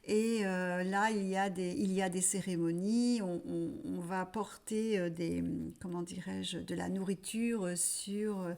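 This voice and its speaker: Slow, gentle French-speaking woman. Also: fairly low pitch, fairly even intonation, vocal fry. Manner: halting, many "euh" fillers and restarts, gentle. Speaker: spiritual channel host. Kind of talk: weekly spiritual message to viewers.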